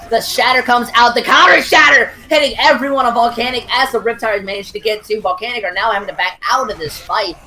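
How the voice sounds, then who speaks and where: A woman casting a live esports match, giving a brisk running call of the action. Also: medium pitch, fairly bright tone. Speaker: esports play-by-play caster. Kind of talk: live play-by-play commentary.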